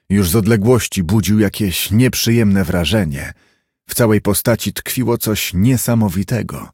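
A man narrating a classic novel in a steady, measured reading. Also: on the low side, husky, dry recording, clean studio sound. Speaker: audiobook narrator. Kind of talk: scripted narration.

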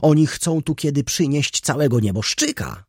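A man's voice: fairly low pitch, animated, measured pace, darkish tone, husky, no echo, clean studio sound, exaggerated voice. Man doing a wailing, melodramatic baroness. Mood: ranting. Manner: melodramatic, indignant, sobbing outbursts. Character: hysterical, self-righteous aristocratic baroness, middle-aged woman.

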